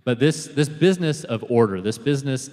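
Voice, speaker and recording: A male pastor delivers a sermon in a relaxed storytelling manner, often pausing on fillers and restarting his phrases. His voice sits at an ordinary middle pitch for a man. It rings with the long reverb of a church sanctuary.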